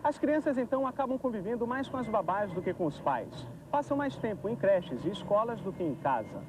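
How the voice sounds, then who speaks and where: A man's voice: high-pitched, sing-song, fairly quick. A man with a Brazilian accent narrating a scripted TV news report, recorded on an old VHS tape. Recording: noisy 1990s VHS tape of TV broadcast.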